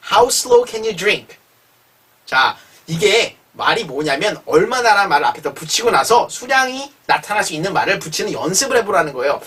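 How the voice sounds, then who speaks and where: An English teacher giving a chatty language lesson, reading example sentences slowly and clearly before translating them, with frequent prompts to the learner. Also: medium pitch, a bit bright. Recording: voice a little distant from the mic.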